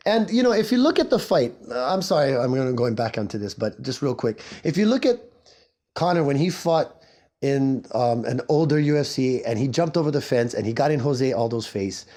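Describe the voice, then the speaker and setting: A hoarse man in his forties from Hawaii rambles through a solo podcast. His voice is mellow and dark, and worn rough from a cough. He is chatty and pokes fun at himself as he goes. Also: mid-range voice, animated, a little fast. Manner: rambling and chatty, self-mocking. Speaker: podcast host. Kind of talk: casual solo podcast chat.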